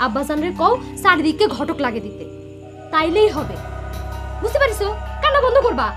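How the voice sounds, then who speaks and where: A young actress playing a daughter briskly consoling her mother. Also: extremely high pitch, very animated, music in the background.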